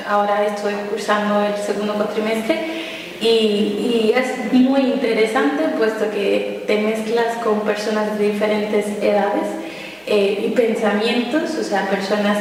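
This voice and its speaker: A woman's voice: medium pitch, a little hiss or hum. A woman in her twenties from the Dominican Republic, a student giving a short personal statement at a round-table event, hesitant with many fillers and restarts. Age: 20s. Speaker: student speaker. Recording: echoey hall, distant mic.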